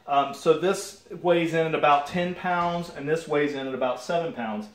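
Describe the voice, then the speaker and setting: A young man casually demoing a guitar at home, talking in a relaxed, halting way with many fillers, picked up by a camera mic some distance away. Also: a little high. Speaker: guitar reviewer. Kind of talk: casual gear demo talk. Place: home music room with guitars and amps. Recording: roomy sound from off-mic. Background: electric guitar playing.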